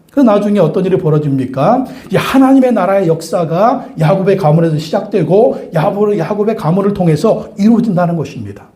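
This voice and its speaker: A man's voice: sits high, dark tone, reverberant. A man preaching a sermon as pastor, who asks the congregation questions, answers them himself and repeats key phrases for emphasis.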